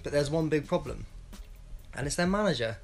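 Fairly high and gravelly, with lively intonation and a slightly fast pace, this young man in his twenties delivers a blunt, rambling football take over soft background music. He vlogs solo from a small room at home using a wired earphone mic.

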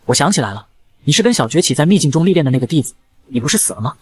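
A man voicing a stern, quick-tempered old sect elder who scolds gruffly, in a fast manga recap narration. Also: fairly high pitch, big pitch swings, a little mellow, a little hiss or hum.

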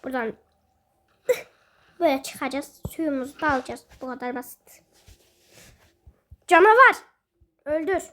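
A woman with a high voice chats her way through a casual let's-play video. She pokes fun at herself and exclaims at what happens in the game.

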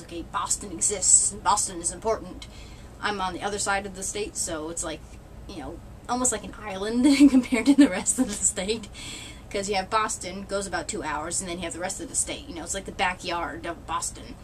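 Talking fairly quickly in a steady, mid-range voice, a New England vlogger in her 30s rambles to her webcam with wry humor, frequent laughs and mild swearing. The rough recording carries a little hiss or hum, made in a small room with a red cloth backdrop.

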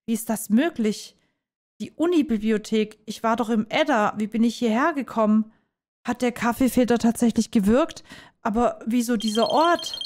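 A woman reading a visual novel aloud in first person, soft, reflective and dramatic. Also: a little high. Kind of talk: expressive first-person game narration.

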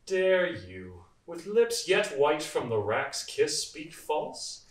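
Guy playing a harsh commanding judge, lively swoopy delivery, echoey far off. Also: on the high side, slow pace. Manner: commanding and scornful. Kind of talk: stage acting in a live play.

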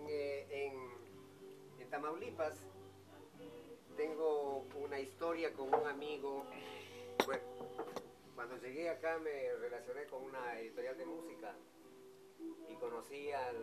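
A man's voice: medium pitch, fairly even intonation, measured pace, long pauses. A man in his fifties from Ecuador, a café owner, explaining at length in casual chat, emphatic and repeating himself. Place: outdoor café patio. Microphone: far camera on a table. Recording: distant outdoor mic with music behind.

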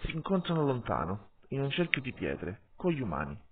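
A man's voice: medium pitch, wildly swooping pitch, a little fast, slightly rough, pitched above the performer's own voice, full character voice. A man voicing an impulsive young female wolf who blurts out her words, in an audiobook with tinny, phone-like sound. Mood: pleading. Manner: blurting, pleading.

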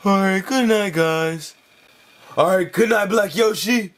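A man's voice: high-pitched, slow pace. Man doing a rowdy, bossy cartoon bird. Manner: loud, rowdy, leads the group. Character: bossy, excitable male cartoon bird leader. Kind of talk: puppet comedy skit.

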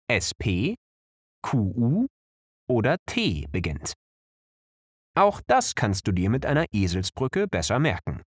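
A man narrates a children's spelling lesson in a slow, carefully paced delivery. His pitch swings widely as he explains each rule. The recording is dry and close, with no room sound. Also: breathy edge, no room sound. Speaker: narrator of an educational video.

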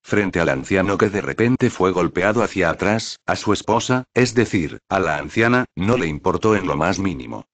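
Brief: male novel narrator, very low voice, stilted literal delivery, dry sound. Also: animated, normal speed, few pauses, fairly bright tone, no echo.

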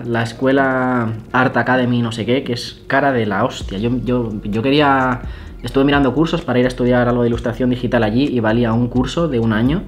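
A young man talks casually and excitedly, gushing and swearing in awe as he pages through an illustration book. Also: medium pitch. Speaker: illustrator and YouTuber. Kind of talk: casual vlog, flipping through an art book.

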